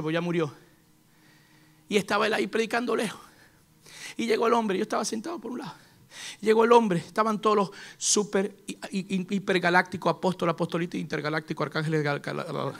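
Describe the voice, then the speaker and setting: A man preaching a sermon in a church, moving from quiet storytelling to shouted exhortation. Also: high-pitched, gravelly. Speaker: apostle preaching.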